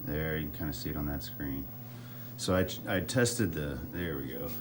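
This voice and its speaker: A man giving a casual hands-on repair walkthrough as host, halting and thinking aloud as he works. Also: very deep voice. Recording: noisy fan hum over the voice. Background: whirring fan noise.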